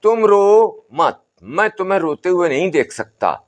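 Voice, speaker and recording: A man's voice: high-pitched, very animated, measured pace, voice pushed up. A man voicing a stern, wily old holy man who keeps repeating his commands. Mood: insistent.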